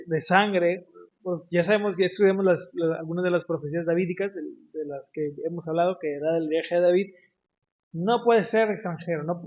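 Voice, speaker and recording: A man's voice: high voice, roomy sound, muffled recording. A man with a Mexican accent preaching a sermon, teaching his congregation and often asking them questions. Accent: Mexican Spanish. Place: church hall.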